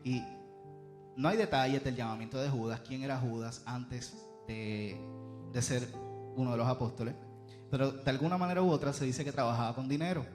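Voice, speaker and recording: Guy preaching to a youth service, punchy then hushed, light music under him. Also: mid-range voice, normal speed. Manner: animated, swings between loud emphasis and soft asides. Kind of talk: sermon. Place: church service.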